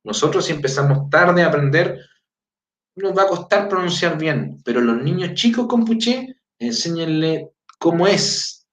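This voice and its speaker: A man's voice: a little high, animated, a little slow, fairly bright tone. A Chilean man teaching his language in casual talk, checking in with listeners and reading out greetings. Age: adult with a four-year-old daughter. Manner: conversational, fillers, frequent "¿ya?" checks. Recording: roomy, distant, dull lo-fi sound.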